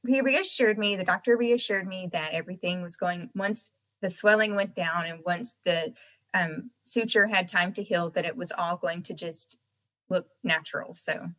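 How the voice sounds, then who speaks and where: Chatting on a podcast as a guest, this American singer-songwriter keeps laughing as she talks through one side of a swollen mouth. Her voice is on the low side and a bit bright, at a normal pace. Audio quality is poor.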